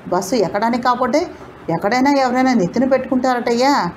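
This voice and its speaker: A woman's voice: a little high, animated, fast talker, slight background noise, pitched above the performer's own voice, lightly acted. A woman playing a sneering young clerk. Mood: mocking. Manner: sarcastic, mocking. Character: rude, mocking young male ticket clerk.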